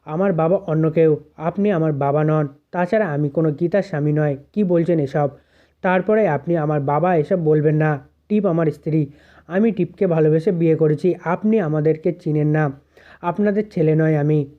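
A man's voice: a little high, normal speed, narrow, tinny audio, close to an everyday voice. A man reading an indignant young husband. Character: young husband, angry and denying.

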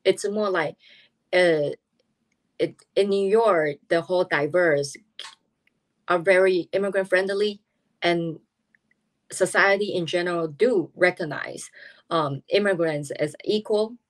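Low-voiced Taiwanese-accented woman on a video call. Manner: halting, searching for words with many fillers. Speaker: interviewee, politician. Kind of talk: earnest video interview. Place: small room at home, indoors.

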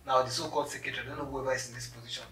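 A man's voice: medium pitch, steady tone, racing, sharp tone, lightly acted. A young man acting as an arrogant, rude and impatient job applicant in a skit. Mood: irritated. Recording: echoey room, mic far off, noisy.

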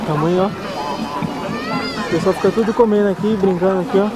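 A man's voice: sits high, fairly even intonation, fast talker. A man, filming a family outing and talking to his small children in a coaxing, sing-song way. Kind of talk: casual home video chat. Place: outdoor park with people around. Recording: home video with crowd and music behind.

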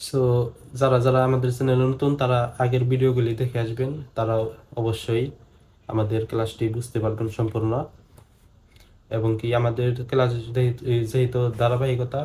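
A man teaching Quran reading, going slowly through syllables one by one in steady repetition. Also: medium pitch, poor audio. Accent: Bangladeshi Bengali. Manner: slow, drilling syllables one by one in even repetition. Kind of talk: step-by-step recitation lesson.

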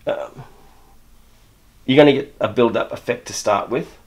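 Middle-aged barber talking through a shave. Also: male voice, medium pitch, measured pace, darkish tone. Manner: explains while working, frequent restarts and repeated words. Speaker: barber and shop owner. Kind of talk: step-by-step grooming demonstration. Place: indoor barber shop.

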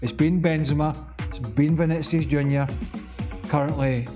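A man's voice: a little high, steady tone, moderate pace, over music. A middle-aged man giving blunt, emphatic football analysis in a TV studio. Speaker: football pundit. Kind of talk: TV studio punditry.

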